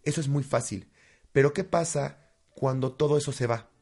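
A young man hosting a motivational self-help show, speaking with passion and building to loud outbursts. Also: medium pitch, normal speed, faint music behind. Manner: impassioned, rising to near-shouting when acting out frustration. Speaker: host of a self-improvement show. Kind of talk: motivational monologue.

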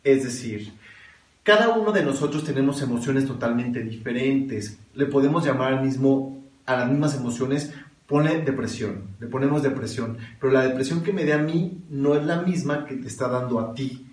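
A man teaching a spiritual class in an easy conversational way, pitching questions at his listeners and checking that they follow. His voice sits at an ordinary pitch and is picked up from some distance in a roomy, echoing space. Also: normal speed, a little mellow. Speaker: kabbalah teacher. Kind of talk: spiritual lecture. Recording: echoey room, mic at a distance.

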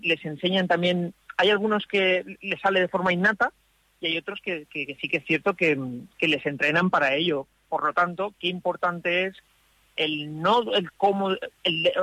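A man speaking as a psychologist guest on a radio show from a parked car, thoughtful, with pauses and restarts. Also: high voice, pushed and bright, dry recording, rough recording. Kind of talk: explanatory radio talk.

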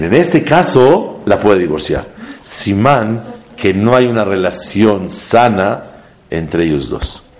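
A man teaching a Torah class to a live audience as a rabbi. He talks emphatically, sweeps up in pitch to stress his points, and mixes Hebrew terms into his speech. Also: darkish tone.

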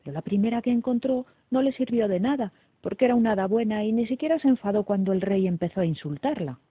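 Lively woman reading a storybook aloud. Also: mid-range voice, fast, no room sound. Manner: animated read-aloud with voices. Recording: dry, tinny phone-like, raspy.

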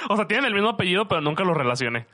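A man's voice: high-pitched, pushed and bright. A young man with a Mexican Spanish accent, co-hosting a podcast, asking curious questions in casual chat. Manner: curious, asks questions, laughs easily. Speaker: podcast co-host.

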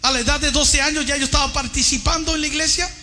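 High, bright-voiced fervent male preacher. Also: fairly even intonation, quick pace. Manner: fervent, shouting at peaks, addresses listeners as brother. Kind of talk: impassioned testimony sermon.

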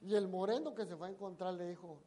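A preacher tells a story in a sermon, dramatic, swinging between loud emphasis and hushed asides. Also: medium pitch, fast, husky.

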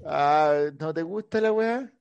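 A man's voice: a little high, takes it slowly, vocal fry, darkish tone, clear, resonant tone, dry recording, lo-fi sound. A Chilean man trading profane, teasing insults in crude comic banter with a co-host.

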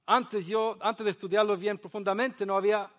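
A man preaching a sermon, reading scripture slowly and then pressing his listeners with rising, emphatic questions while an interpreter follows him. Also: high-pitched, little pitch movement, a bit bright. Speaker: pastor. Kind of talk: bilingual sermon with live interpreter.

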